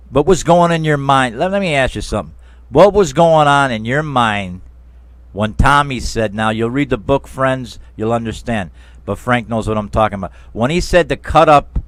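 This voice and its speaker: A man's voice: mid-range voice, normal speed, dry recording. A man hosting a talk show interview, emphatic and chatty, speaking to his listeners as friends. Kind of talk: casual interview.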